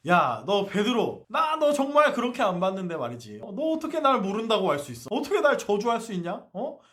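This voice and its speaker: A man's voice: high voice, big pitch swings, a little fast, a bit bright, voice pushed up. A man voicing Jesus as a grown male teacher, speaking directly to his disciples and questioning them. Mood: scolding.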